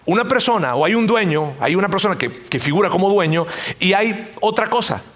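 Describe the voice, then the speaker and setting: A man's voice: high-pitched, lively intonation, brisk, fairly bright tone. A middle-aged man, preaching a conversational sermon and acting out the voices of people in his examples. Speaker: pastor.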